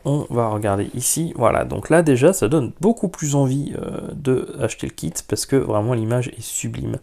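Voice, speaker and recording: A man's voice: mid-range voice, moderate pace, creaky, dark tone. Chatty French man unboxing a model kit. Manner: chatty, many hesitations, frank opinions. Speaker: YouTube model-kit reviewer. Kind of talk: casual unboxing vlog.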